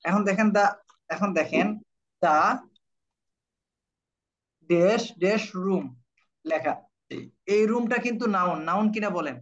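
A man's voice: sits high, a little slow, pauses often, lo-fi sound. A man from Bangladesh teaching an IELTS class live online, repeating key words and often checking whether his students follow. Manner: repetitive, keeps checking understanding with students.

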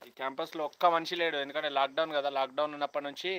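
Loud, quick Telangana Telugu young man. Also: fairly high pitch, flat delivery, clear, resonant tone, low-quality recording. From Telangana, India. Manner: talks loudly, half-shouting, greets viewers by name. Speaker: vlogger hosting a phone live stream. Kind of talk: casual live-stream chat with viewers. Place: outdoor college campus. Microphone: phone held at hand, no external mic.

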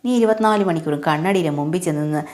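A woman's voice: sits low, racing, darkish tone, close to an everyday voice. A woman voicing a vain, teasing old man who likes to boast.

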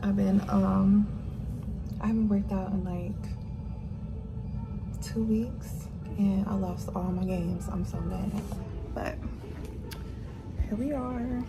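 A woman's voice: medium pitch, fairly even intonation, slow, gravelly, pauses often, music in the background. A young woman vlogging casually about her outfit and perfumes, then talking to a close-held phone camera in a gym locker room, rambling and correcting herself as she goes. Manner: chatty, rambling, self-correcting. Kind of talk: casual get-ready-with-me vlog talk.

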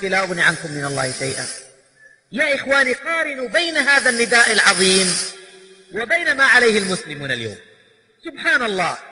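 A man's voice: extremely high pitch, sharp tone. A man preaching a sermon lecture who keeps asking the audience rhetorical questions. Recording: long hall reverb.

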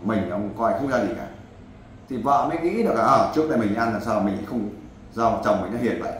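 Lowish in pitch, a little fast and with lively intonation, a man volunteers as an advisor to someone trying to find his wife. He lectures bluntly and talks over the other man, and the echoey room carries faint background noise.

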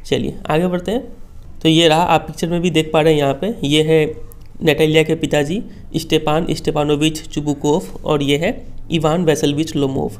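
A man's voice: on the high side, fairly even intonation, moderate pace. Patient man teaching a school text. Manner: patient, checks understanding often. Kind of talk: explaining a school text line by line.

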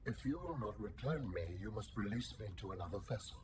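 An actor voicing a calm telepathic alien presence in a video game, speaking in a cold, formal, measured way. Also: mid-range voice, background noise, lightly acted.

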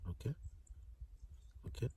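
A man's voice: unhurried, dark tone, far from the mic, slight background noise. A man with a Gyeongsang accent hosting a fishing vlog on a frozen lake, chatty and joking, talking to himself and the fish. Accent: Gyeongsang Korean. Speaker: fishing channel host. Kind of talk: casual fishing vlog commentary.

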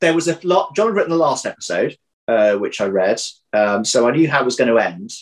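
A man in his thirties, an audio drama writer, chats casually as an interview guest over a video call from a room at home, using his computer mic. His expressive, mid-range voice often pauses, repeats words, and self-corrects as he thinks.

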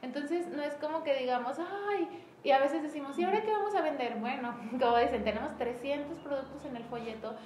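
A high-pitched Mexican woman talks casually to a small group in an echoey room, as if leading a team meeting. She acts out quoted dialogue with lively swings in voice, and a faint hum of background noise sits under her. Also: brisk. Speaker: Mary Kay sales director leading a team meeting. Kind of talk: casual motivational talk to a group.

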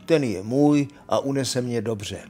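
An older man reading aloud and voicing a cheerful, foolish young peasant who hollers and sings out in high bursts. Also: mellow, natural voice. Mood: eager.

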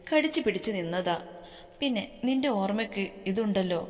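A woman's voice: mid-range voice, animated, fairly quick, natural voice. A woman voicing a playful, affectionate young husband in a storybook reading. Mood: teasing. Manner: teasing, affectionate. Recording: long hall reverb.

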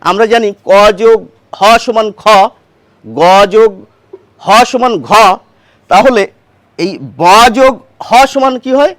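A man gives a pronunciation lesson in a high voice that rises and falls with lively expression. He explains patiently, asking questions and answering them himself. The sound is close and dry, with no room around it. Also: slow, long pauses, dry recording. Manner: patient, asks and answers his own questions. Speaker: Bengali pronunciation teacher.

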